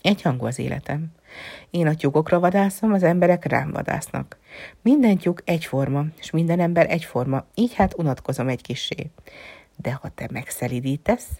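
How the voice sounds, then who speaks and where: A woman voicing a gentle, lonely male fox in a storybook reading, speaking softly and often sinking into a whisper. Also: sits low, no echo. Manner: soft, musing, often dropping to a whisper.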